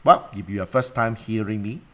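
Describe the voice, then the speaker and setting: A man's voice: fairly low pitch, brisk. A middle-aged man with a Cantonese accent, coaching in an informal online class in a blunt, emphatic way with rhetorical questions and repetition. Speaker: coach and mentor teaching a live online class. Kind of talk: informal live online teaching.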